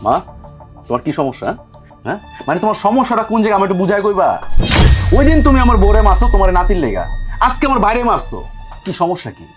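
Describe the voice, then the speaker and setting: A man's voice: high voice, big pitch swings, quick pace, long pauses, music in the background. An actor playing a hot-tempered elder son who scolds his mother. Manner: scolding, quarrelsome. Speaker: elder son in a family drama. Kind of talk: television drama acting.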